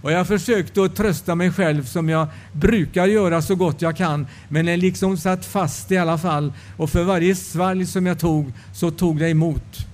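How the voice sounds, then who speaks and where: A man's voice: high-pitched, fairly even intonation, hardly any pauses, a little mellow. A male preacher giving a sermon testimony, telling the story and acting out the dialogue.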